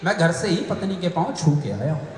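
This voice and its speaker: A man with a Haryanvi accent doing stand-up comic poetry on stage, loudly shouting his punchlines and acting out family dialogue. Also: fairly high pitch, big pitch swings, fairly quick. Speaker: comic poet. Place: large hall at a live poetry show. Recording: very echoey hall with long reverb, faint noise.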